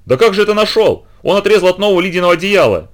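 A man reading a story aloud, voicing a shrill, angry neighbor woman. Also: very animated, fast, fairly bright tone. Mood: shrill indignant.

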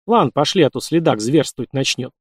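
A man's voice: mid-range voice, animated, a little fast, no room sound, clean studio sound, lightly acted. A man voicing a cocky, teasing young soldier recovering in hospital. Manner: joking, smooth.

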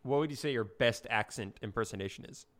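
A man with a bright, crisp voice hosting a casual podcast. He steers the talk and teases his co-hosts. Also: medium pitch, fast talker. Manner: teasing, leading the conversation. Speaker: podcast host.

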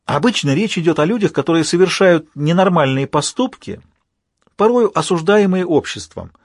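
Man playing an eager male psychologist, higher voice, lecturing, husky. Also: moderate pace, no room sound, studio quality. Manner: explains at length, animated.

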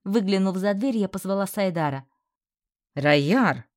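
A woman narrating a first-person fantasy novel in a steady, expressive storytelling manner. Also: fairly low pitch, moderate pace, no echo, clean studio sound. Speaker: audiobook narrator.

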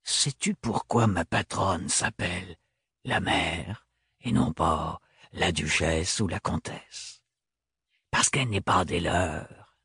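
A man's voice: high-pitched, expressive, moderate pace, no room sound, voice pushed up. A brusque, tomboyish mechanic woman with a grating voice, as a man voices her. She speaks curtly and insists, in a close, dry audiobook recording. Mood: hushed. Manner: curt, insistent.

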